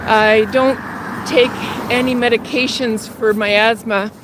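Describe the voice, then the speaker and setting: A woman's voice: fairly high pitch, fairly even intonation, measured pace. A woman in her fifties from Canada, chatting to viewers on a phone while walking through the city, a little out of breath. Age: 50s. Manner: chatty, rambling, talks to viewers. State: slightly out of breath. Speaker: livestream host. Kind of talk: casual chat while walking. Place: outdoors in a city, near traffic and train tracks. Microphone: phone held while walking. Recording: outdoor traffic noise.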